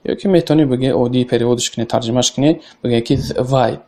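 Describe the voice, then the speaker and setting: Tajik-accented guy teaching arabic, mellow low-ish tone, reads words slow then explains. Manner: reads Arabic phrases slowly, then explains them in plain speech. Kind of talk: casual language lesson.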